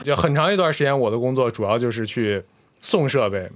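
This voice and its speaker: A man's voice: mid-range voice, a little fast. A man in casual chat telling a funny work story, acting out the people in it and laughing as he goes. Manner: animated storyteller, acts out quoted voices, laughs while telling. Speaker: stand-up comic guest.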